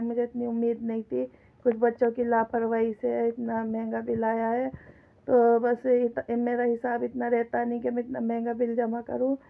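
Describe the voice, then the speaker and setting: A woman's voice: fairly high pitch, vocal fry. A middle-aged woman with a sore throat and cough chatting to viewers while she cooks, in a home kitchen filmed on a phone. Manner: chatty, complaining, talks straight to viewers. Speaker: home vlogger. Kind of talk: casual vlog chatter while cooking. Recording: tinny phone-like sound.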